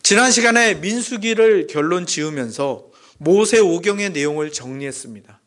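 Korean pastor preaching, high voice. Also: male voice, lively intonation, moderate pace, fairly bright tone. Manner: addresses the congregation directly with questions; acts out dialect jokes and quoted lines with rising pitch. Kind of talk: sermon. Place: church.

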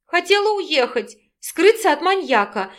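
A woman's voice: animated, extremely slow, fairly bright tone, full character voice. A woman reading an audiobook, voicing a hurt, frightened and hot-tempered young woman who answers back indignantly. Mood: pained. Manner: shrill, indignant.

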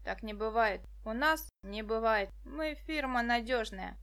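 A woman voicing a short, shifty male thug with a hoarse, rasping voice who talks gruffly. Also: a little high, animated, measured pace. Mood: businesslike. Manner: gruff, shouts in bursts.

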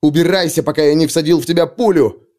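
A man voicing a young prince, arrogant and panicky, whose voice goes shrill and cracks when he shouts. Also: steady tone, fast, lightly acted. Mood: mocking angry.

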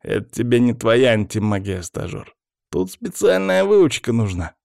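A man's voice: medium pitch, big pitch swings, normal speed, gravelly, a little mellow, no echo, studio quality. A man voicing a smug, cocky male necromancer who talks down to others. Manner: boastful, condescending.

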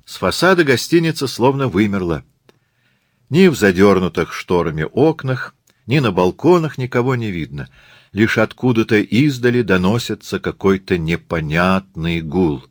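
A man narrating an audiobook in a brisk, wry storytelling manner. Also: on the low side, sing-song, no echo, studio quality. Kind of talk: scripted narration.

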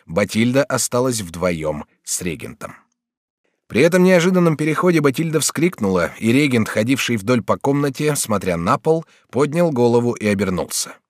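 A man narrating a classic historical novel as an audiobook in a steady, measured way, recorded in a studio. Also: mid-range voice, no room sound.

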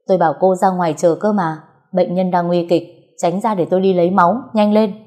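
A woman reading a curt hospital nurse who snaps her orders brusquely, a little raised and louder. The voice stays low and mellow. It is read for an audio storybook. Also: fairly even intonation, a little fast, close to an everyday voice. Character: curt, hurried female nurse.

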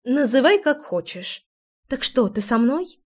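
A woman's voice: high voice, very animated, measured pace, voice pushed up, heavily acted. A woman voicing a playful, curious young woman who coaxes and teases in an audiobook scene. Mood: teasing. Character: lively teasing young woman, curious meddler.

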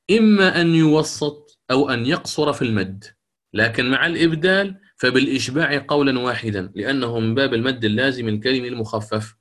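A middle-aged man lecturing on Quran recitation rules, asking questions and answering them himself, and chanting verses slowly as examples. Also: mid-range voice, fairly bright tone.

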